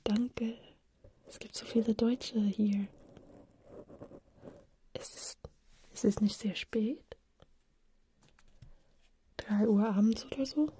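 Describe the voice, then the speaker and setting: A woman whispers through a live ASMR stream, reading viewers' questions aloud and answering them with a relaxed, chatty looseness. Her hushed voice is mellow and close on a mic fitted with wind guards, and a faint noise floor sits underneath. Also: on the high side. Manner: chatty with frequent fillers and restarts. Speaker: ASMR channel host answering live chat. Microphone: ASMR microphone with wind guards.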